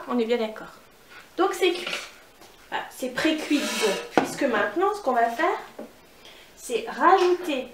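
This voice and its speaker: A woman's voice: fairly high pitch, roomy sound, distant mic, slight background noise. A woman with a northern French accent giving a chatty, upbeat cooking demonstration at home, talking straight to her viewers. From northern France. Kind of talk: casual cooking demo.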